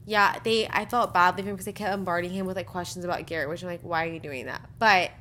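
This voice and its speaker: A woman's voice: on the low side, little pitch movement, fast talker, sharp tone. Chatty young woman, blunt and giggly. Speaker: podcast co-host. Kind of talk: casual chat about a reality dating show.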